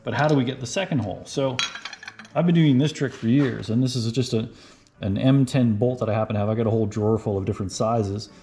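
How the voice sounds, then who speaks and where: A man casually narrating his car fabrication work as he goes, thinking out loud and often checking in with "right?". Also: mid-range voice, quick pace, slight background noise. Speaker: car restoration vlogger. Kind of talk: casual how-to narration while working.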